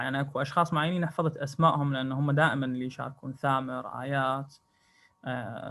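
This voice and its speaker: A man with an Iraqi Arabic accent, teaching an online English lecture and switching between Arabic and English, with slow, careful English. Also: medium pitch, fairly bright tone. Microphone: video call.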